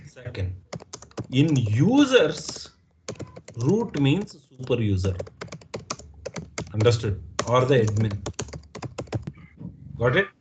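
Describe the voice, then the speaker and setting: A man's voice: mid-range voice, animated, slow, pauses often. Indian guy teaching a class online, patient, keeps asking understood?, bit of hiss. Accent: Indian English. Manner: patient, repeats and checks understanding. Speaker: instructor.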